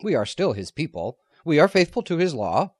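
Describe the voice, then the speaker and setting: A man's voice: a little high, big pitch swings, normal speed, breathy edge, no room sound, studio quality, pitched above the performer's own voice. A man reading the part of a stern, proud elderly rabbi who speaks hotly and with defiance. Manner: hot, stern, declaiming.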